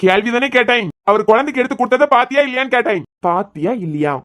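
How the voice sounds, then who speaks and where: A woman's voice: fairly high pitch, expressive, fast talker, fairly bright tone. A woman with a Kanyakumari Tamil accent voicing a stern young male doctor who scolds and interrogates in a cartoon. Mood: pressing. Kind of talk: cartoon voice acting.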